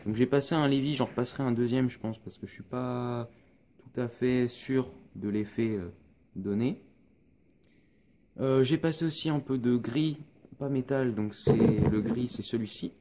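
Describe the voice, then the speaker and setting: Man, mellow-toned hobby painting tutor, halting and full of fillers, phone recording with faint hiss. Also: mid-range voice. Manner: hesitant, many fillers, explains step by step.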